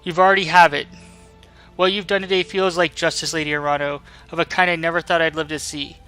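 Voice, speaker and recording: A grave older nobleman from a video game, read by a man. He speaks formally and with measured honor. The voice is bright and slightly high, with faint music behind. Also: little pitch movement, clean tone, low-quality recording. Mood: solemn gratitude. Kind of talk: dramatic read-aloud of game dialogue.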